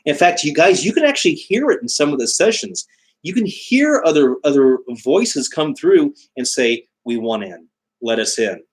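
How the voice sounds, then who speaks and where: A man chatting casually as a livestream host, halting often as he searches for his words. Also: fairly high pitch, sing-song, breathy edge. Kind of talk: casual live chat explaining spiritual beliefs.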